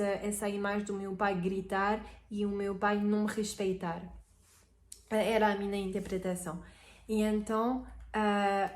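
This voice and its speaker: A woman's voice: mid-range voice, darkish tone. A woman giving casual relationship advice, hesitant and often searching for words. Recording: echoey room.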